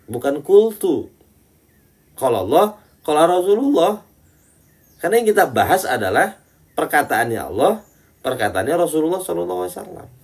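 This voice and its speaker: In a laid-back Islamic study talk, this man joshes with listeners he treats as friends, shifting from loud, emphatic statements to quiet mutters. His slightly high voice is very animated, creaky and breathy, moving at a moderate pace with long pauses.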